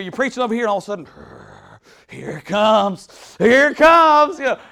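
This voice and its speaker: Animated high-voiced male preacher. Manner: animated, conversational preaching with frequent restarts and mock shouts. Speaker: pastor. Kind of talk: sermon.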